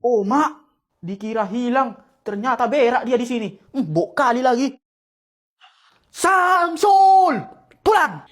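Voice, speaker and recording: A woman doing shouty comic village voices. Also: a little high, normal speed, natural voice. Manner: exaggerated, shouty comic delivery. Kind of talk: comic sketch with many voices.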